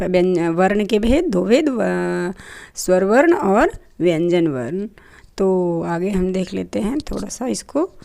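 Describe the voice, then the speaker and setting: Mellow-voiced woman teaching a grammar lesson. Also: mid-range voice, gravelly. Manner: patient explaining, many fillers and rhetorical questions.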